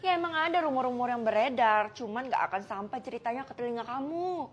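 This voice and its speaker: Woman playing a mocking female teacher, spiteful, sharp, high voice. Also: animated, quick pace, highs cut off.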